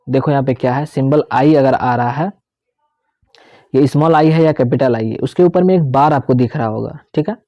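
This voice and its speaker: Dry, mellow-voiced male teacher. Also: mid-range voice, normal speed, dry recording. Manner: explains step by step, repeats key words, checks in with "theek hai". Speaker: English vocabulary teacher. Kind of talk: Hindi-English lesson explaining pronunciation.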